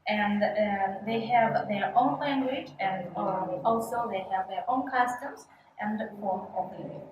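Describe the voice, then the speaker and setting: A woman answers questions hesitantly, pausing often with fillers. She sounds far from the mic in an echoey room, with a dull, muffled tone and a noisy background. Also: mid-range voice. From Russia. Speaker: interviewee.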